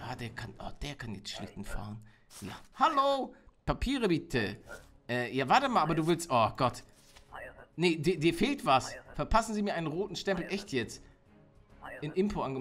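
A man's voice: fairly high pitch, fairly bright tone. A man with a German accent giving jokey let's play commentary, reading game text aloud. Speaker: gaming YouTuber.

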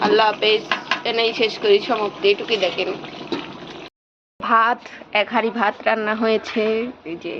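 A woman's voice: fairly high pitch, level tone, moderate pace, pauses often, dull audio, very noisy. A woman vlogger with a Pabna Bengali accent, chatting casually to viewers while showing picnic cooking at home. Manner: chatty, addresses viewers directly. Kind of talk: casual vlog tour in regional dialect.

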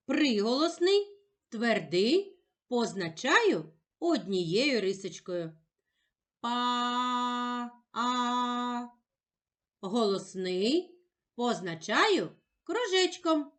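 A woman teacher talks young children through a lesson in a patient, encouraging way. Her voice sits a little high and swings widely with expression, and she sounds every word out slowly and carefully. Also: sing-song. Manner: slow, carefully sounded-out speech.

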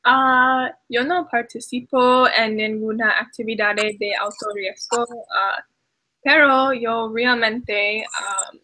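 Young woman, halting with many ums, slow, bright, dry webcam audio. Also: on the high side, fairly even intonation, no echo, low-quality recording. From Minnesota, USA. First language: English. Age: young adult. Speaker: Spanish student. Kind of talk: scripted class oral exchange. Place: small room indoors. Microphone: webcam at desk.

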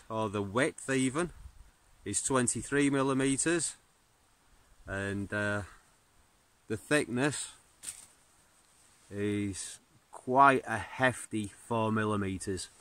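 A man, reviewing a knife in a birch forest, talking casually with plenty of fillers. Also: lowish voice. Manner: relaxed, unhurried, many fillers and restarts. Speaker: bushcraft video host. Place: birch forest outdoors, smoky campfire. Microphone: phone or camera at arm's length.

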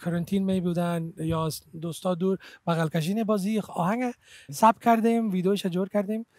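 A man's voice: high voice, flat delivery, darkish tone, no echo. A man with an Afghan Dari accent, a singer and TV guest, talking in a hesitant way with many fillers. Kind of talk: casual TV chat. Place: TV studio.

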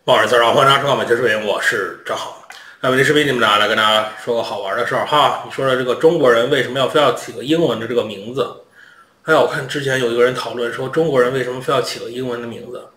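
Male vlog host, animated humorous storyteller, echoey room. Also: mid-range voice, racing. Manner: chatty, animated, humorous anecdotes. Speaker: international education channel host.

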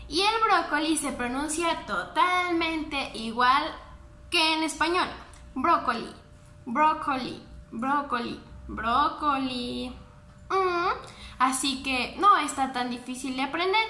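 A woman with a Mexican Spanish accent, teaching English words to small children, repeating each word slowly and patiently. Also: sits high, pushed and bright, echoey room. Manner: slow, patient word drilling with repetition. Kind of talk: online class for young children.

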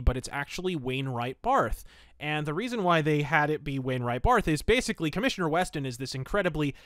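A man hosts a podcast, casually reviewing and recapping pulp fiction stories in a chatty, digressive way with emphatic asides. His voice is a little high and fairly bright in tone. The recording is dry and has a clean studio sound.

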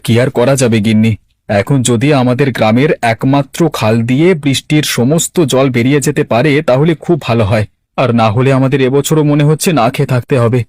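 In a Bengali cartoon, a man with a mid-range, darkish, natural voice plays a poor village farmer, anxious and lamenting, plaintive and full of exclamations. He speaks at a moderate pace, and the studio recording is clean with no room sound.

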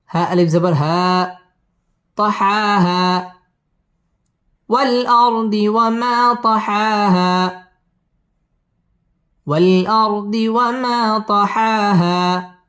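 A man leads a Quran recitation lesson with great patience, spelling each word out and then chanting it drawn out. His voice is smooth and clear, his tempo extremely slow. Between the spelled words he explains the pronunciation rules quickly. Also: high voice, fairly bright tone.

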